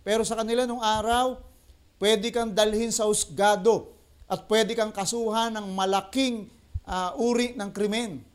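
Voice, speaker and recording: High-voiced Filipino pastor preaching. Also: male voice, fairly even intonation, clean tone. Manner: mixes in English, slows and repeats key lines for emphasis. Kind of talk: sermon. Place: livestream.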